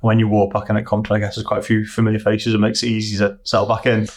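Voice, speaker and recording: A man's voice: fairly low pitch, completely flat delivery, racing. A man conducting an interview with casual, conversational questions.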